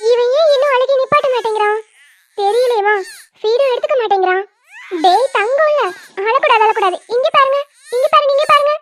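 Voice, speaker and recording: A woman cartoon voice actor, dubbing a homemade cartoon, plays a young doting aunt coaxing a crying baby in sing-song baby talk. Her voice is very high and brisk, and she pauses often.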